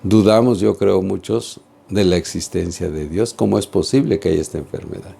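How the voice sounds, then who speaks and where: Man, religious teaching, earnest, low gravelly voice, husky tone. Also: normal speed, dark tone. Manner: earnest, addresses viewers directly with questions. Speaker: catechist.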